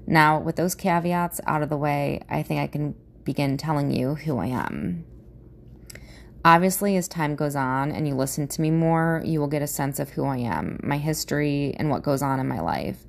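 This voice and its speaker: A woman's voice: sits low, creaky, a little mellow. A thirty-year-old Midwestern American woman with a valley girl way of talking, casually introducing herself as a solo podcast host into her phone. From Midwestern US, suburbs of Chicago.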